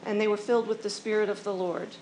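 A woman's voice: medium pitch, steady tone, quick pace. A woman reciting scripture as narration. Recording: echoey room with faint noise.

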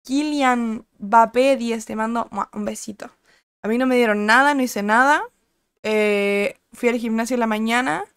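A young woman with a Chilean accent, chatting loosely with her live chat in crude slang. Her voice sits fairly high and comes through smooth, on a close, dry mic. Today it carries a slight huskiness. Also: unhurried, no room sound. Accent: Chilean Spanish. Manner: chatty, crude slang, reads out and greets viewers. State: slightly husky voice from little streaming. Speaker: streamer. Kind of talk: casual chat with live chat viewers.

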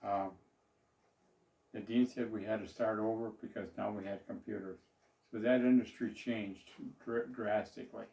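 An older business owner talks to the camera about his business from a small office, speaking plainly and rambling with fillers and restarts. His fairly low, creaky, dark voice holds a steady tone at a moderate pace, and the distant camera mic picks up a roomy echo.

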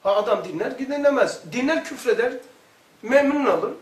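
A man with a very high voice gives an informal religious lesson, spinning colloquial, joking anecdotes and laughing at his own stories. He sounds well away from the mic, and his voice rings around an echoey room. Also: expressive, moderate pace, far from the mic. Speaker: religious lecturer.

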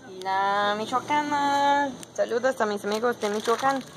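In a fairly high-pitched voice, a young adult native English speaker vlogs casually in learner Spanish, slow and halting with plenty of fillers. The background is noisy as she films herself at arm's length in a car, a restaurant, a parking lot and grocery stores.

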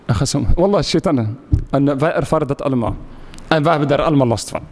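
Preaching in a lecture hall, a man gives an emphatic religious lecture, repeating key phrases and posing questions he then answers. He speaks quickly in a mid-range, slightly mellow voice, and the sound has a big-room quality.

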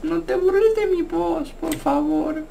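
A man's voice: very high voice, slow, vocal fry, dark tone, a little hiss or hum, voice pushed down, heavily acted. A man voicing a clingy nine-year-old boy who begs to be friends, in a whiny, pleading sing-song, as a prank in game voice chat.

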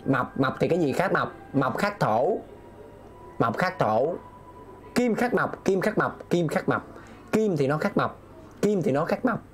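A man's voice: a little high, expressive, measured pace, soft background music. A man streaming a game, talking himself through puzzles and reading viewers' messages aloud. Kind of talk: live gameplay commentary.

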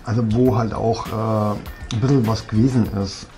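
A man in his forties with a Bavarian accent, from southern Germany, vlogs from a leather sofa in his living room, a fixed camera close by. He tells a personal story bluntly and reflectively, rambling with many fillers. His lowish voice is flat and mellow at a moderate pace, with faint music behind him.

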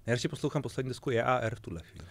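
A man in his fifties hosting an interview, asking questions in a calm, dry manner. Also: mid-range voice. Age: 50s. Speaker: interviewer host. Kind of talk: casual interview chat.

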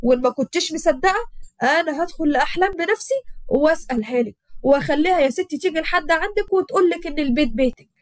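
A woman's voice: sits high, expressive, racing, dry recording, clean studio sound. A woman with an Egyptian accent voicing a young husband who earnestly reassures his mother and wife. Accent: Egyptian Arabic. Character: young married man, dutiful devoted son.

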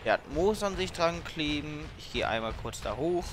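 A man with a slightly high, animated voice delivers casual let's play commentary at a normal pace, thinking aloud and grumbling informally. As a let's player and streamer, he talks over game music and sound effects, with some background noise in the recording.

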